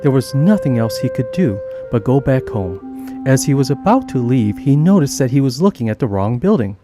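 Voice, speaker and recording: A man narrating an animated children's story, reading in an animated, expressive way. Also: mid-range voice, moderate pace. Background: background music.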